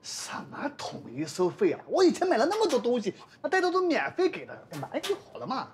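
A shrill, quarrelsome customer in a TV drama, stammering and shouting in indignation. His voice sits very high and swings widely as he complains. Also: huge pitch swings, brisk, slight background noise, heavily acted. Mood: angry. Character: loud petty male shop customer, quarrelsome. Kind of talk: television drama acting.

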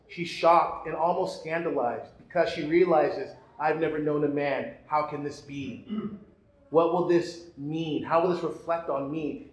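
A male priest giving a sermon, preaching earnestly with rhetorical questions and repeated phrases. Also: a little high. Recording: echoey church room, faint ambience.

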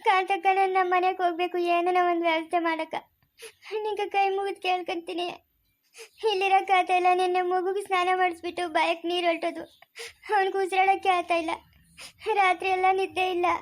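A young actress with a rural Chikkaballapur Kannada accent playing a mistreated new mother who cries and pleads softly. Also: very high voice, racing. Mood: pleading. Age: young adult. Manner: soft, pleading and tearful. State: crying.

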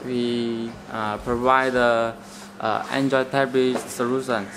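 A project service staff member in an open-plan office, giving brief, halting answers. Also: male voice, medium pitch, little pitch movement, background noise.

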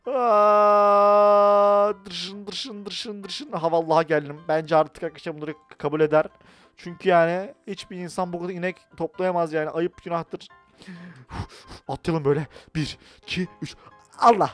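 A young man from Turkey playing Minecraft on camera, chattering excitably with loud outbursts. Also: high voice, moderate pace, faint music behind. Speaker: gaming YouTuber. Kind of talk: Minecraft let's-play role-play.

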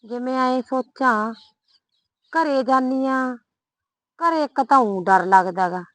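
A fretful, sharp-tongued village woman, as an actress plays her with a Punjabi accent. Her fairly high voice scolds and worries about what the neighbors will say. The sound is dry and close. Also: takes it slowly, dry recording. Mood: worried muttering. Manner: scolding, anxious about gossip, loud when calling. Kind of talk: comic short-film acting.

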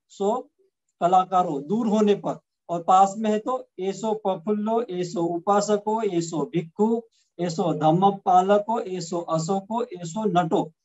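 A high-pitched man speaks at a very slow, deliberate pace, teaching a language lesson and drilling each word so listeners can repeat it. The recording sounds dull and lo-fi. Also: a little mellow. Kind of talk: slide-based language lesson.

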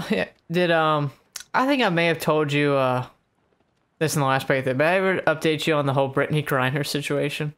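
A man's voice: fairly high pitch, fairly quick, fairly bright tone, smooth. A man casually chatting while playing a video game, rambling through tangents and laughing often. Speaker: let's play co-host, player. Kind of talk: casual gameplay chat.

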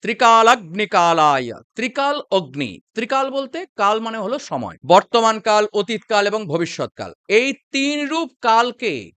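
A man with a Bengali accent teaching a devotional mantra, chanting it slowly and then explaining its meaning line by line. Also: high-pitched, clear, resonant tone, no echo. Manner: slow drawn-out chanting, then steady explanation.

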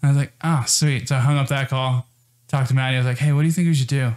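A young man co-hosting a casual podcast, telling a short story with frequent laughs and quick asides. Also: mid-range voice, fairly even intonation, a little mellow. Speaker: podcast co-host. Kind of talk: casual chat.

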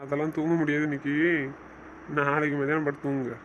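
Soft-spoken young man, muffled recording. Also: fairly high pitch, completely flat delivery, fast, slight background noise. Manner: soft-spoken, coaxing, gently teasing. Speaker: husband in a couple's chat. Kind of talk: casual couple banter.

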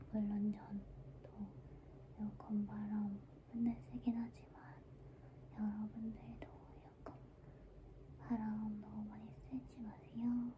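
A young woman whispering a casual ASMR chat close to the microphone in a breathy, gentle, musing manner. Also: medium pitch, phone-quality sound, noisy background. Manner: unhurried, drifting, gentle musing. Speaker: ASMR creator. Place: small room indoors, lying down. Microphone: handheld microphone held close to the mouth.

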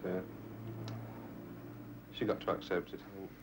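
A male crewman tells casual anecdotes. His voice is fairly low, with clearly audible noise on the old film sound. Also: little pitch movement, measured pace. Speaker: lifeboat crewman.

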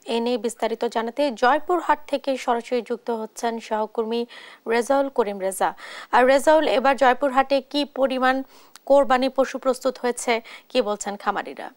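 Lady anchor in a tv studio, formal and smooth, a bit high. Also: moderate pace. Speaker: news anchor. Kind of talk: scripted news reading. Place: TV news studio.

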